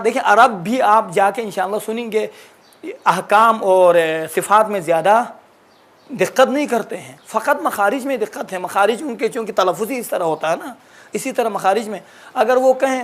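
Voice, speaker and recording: A man with a fairly high voice gives a recitation lesson. He explains step by step, restarting and repeating examples as he goes. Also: fairly bright tone. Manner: explanatory, repeats and corrects himself. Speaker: religious teacher. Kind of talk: lesson answering a question.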